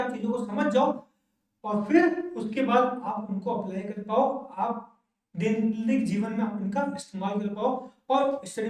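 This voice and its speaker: A man's voice: very high-pitched, a little mellow. Man teaching a class, repeats words over and over, asks then answers, very echoey room. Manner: asks questions and answers them himself, repeats key words. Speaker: English teacher. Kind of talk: classroom lecture. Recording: very echoey room, mic far off.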